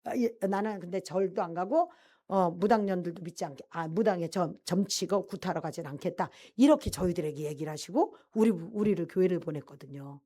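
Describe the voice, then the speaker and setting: A woman's voice: lowish voice, a little fast. A middle-aged woman pastor giving a personal testimony sermon, telling her story with rising emotion. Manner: animated storytelling, swells with emotion.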